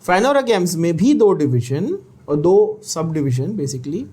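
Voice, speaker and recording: A man's voice: a little high, sing-song, takes it slowly, mellow, husky. A man teaching biology for an exam, asking questions and having students repeat terms. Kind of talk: exam-prep lecture.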